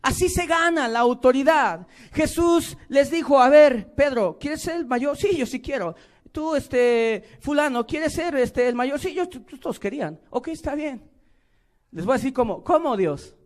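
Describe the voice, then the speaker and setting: A man with a Mexican accent preaching a sermon, moving between loud emphatic lines and quiet asides, acting out little dialogues. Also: very high-pitched, lively intonation, a little slow. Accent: Mexican Spanish.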